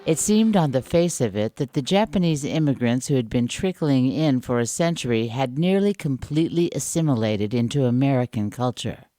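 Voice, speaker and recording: A woman reading scripted documentary narration in a calm, earnest way. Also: a bass voice, normal speed, hardly any pauses, dry recording, soft background music.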